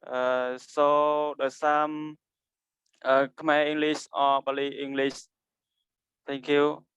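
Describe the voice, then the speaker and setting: Man, slightly high voice, flat intonation, broken-up phrasing, discussion answer, dry sound. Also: smooth, dry recording, low-quality recording. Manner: halting, fragmented phrasing. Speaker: discussion participant. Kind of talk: answering in an online English discussion. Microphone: online call.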